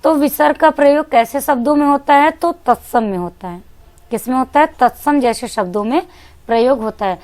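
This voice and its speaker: A woman's voice: high voice, brisk, darkish tone. A woman teacher giving an exam-prep lesson, mixing in English words, asking questions and answering them herself, repeating key points. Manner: mixes English words into Hindi.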